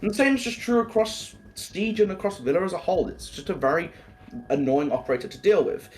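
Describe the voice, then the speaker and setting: A man's voice: high voice, lively intonation, fast, darkish tone, soft background music. A man casting a live esports match, chatty and prone to tangents. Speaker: esports caster.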